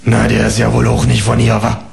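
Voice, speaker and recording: A man's voice: fairly low pitch, monotone, fairly quick, gravelly, very noisy. A man voicing a gossipy, prejudiced downstairs neighbor woman. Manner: gossipy, nosy.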